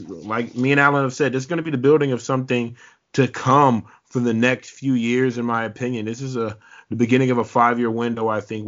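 Male podcast host, relaxed and casual, lo-fi sound. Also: mid-range voice. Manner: laid-back, self-deprecating, with filler words. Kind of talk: casual sports podcast chat. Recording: slightly dull lo-fi audio.

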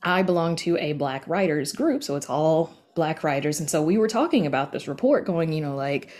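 Speaking at normal speed in a deep, animated voice with a darkish tone, a writer and audio drama creator guests on a podcast. She explains things in a relaxed interview style, filling her sentences with "like" and "you know."

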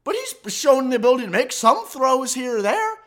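On his fan sports commentary podcast, a man rants about his team's loss, emphatic and exasperated. His very high, sing-song voice is fairly bright and moves along fairly quickly.

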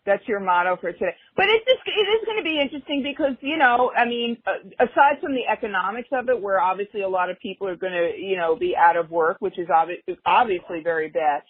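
A woman's voice: medium pitch, lively intonation, quick pace, hardly any pauses, breathy edge, no echo. A woman co-host talks in loose, rambling chat, with wry asides about herself. Her voice comes through a thin, phone-like line. The sound is dry, with no room around it. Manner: chatty, rambling, self-mocking asides. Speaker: podcast co-host. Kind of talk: casual chat.

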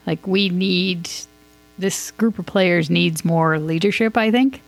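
A woman talking casually as a sports podcast host, rambling and thinking out loud as she gives her opinions. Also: lowish voice, slow pace, vocal fry. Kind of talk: casual hockey commentary.

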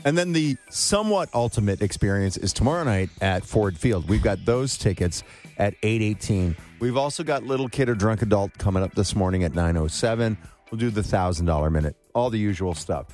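A man's voice: fairly low pitch, lively intonation, a little fast, darkish tone, faint music behind. A man hosting a morning radio show, moving between upbeat announcements and casual banter in a radio studio. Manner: morning show host delivery.

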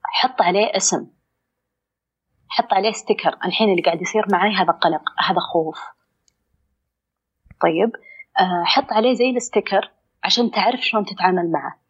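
A woman's voice: medium pitch, a little fast, long pauses, husky, highs cut off. A woman with a Saudi accent, a psychologist explaining things conversationally and acting out inner dialogue. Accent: Saudi Arabic. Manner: expressive, acts out inner dialogue. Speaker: psychologist guest.

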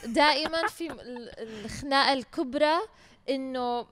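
A woman, a podcast guest chatting casually about growing up with her sister, talking quickly and laughing often. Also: high-pitched, fairly bright tone. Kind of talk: casual chat.

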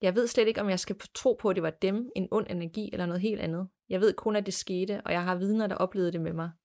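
A woman's voice: mid-range voice, steady tone, a little mellow. Woman reading a ghost story aloud. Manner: measured, plain storytelling with occasional laughs. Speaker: podcast host.

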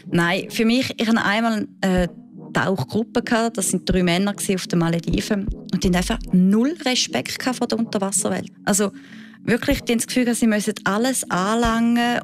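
A Swiss woman from Switzerland who works as a diving instructor answers interview questions in Swiss German. Her medium-pitched voice is lively and chatty as she tells stories with frequent fillers.

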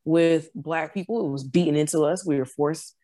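A woman's voice: low voice, moderate pace, warm tone, dry recording. A woman in casual conversation, explaining her views earnestly and often stopping to restart a phrase.

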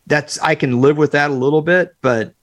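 Male podcast co-host, casual, opinionated, excitable delivery over a remote call. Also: fairly high pitch, normal speed. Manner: animated, opinionated, talks in bursts with fillers. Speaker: podcast co-host, football analyst. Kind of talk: casual sports podcast chat.

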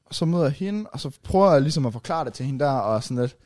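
A young man casually retelling a long night out on a podcast, rambling and animated with many restarts. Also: mid-range voice, no echo. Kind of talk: casual storytelling chat.

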